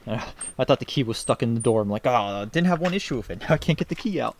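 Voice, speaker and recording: A young man vlogs casually in a parking lot and inside a car, chatting and explaining things as he shows them on camera. He talks fast and expressively in a mid-range voice against a noisy background.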